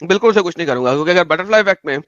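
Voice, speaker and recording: A man's voice: a little high, animated, racing, no room sound, dull audio. A man hosting a heated online debate, insistent and repeating himself, mixing in English.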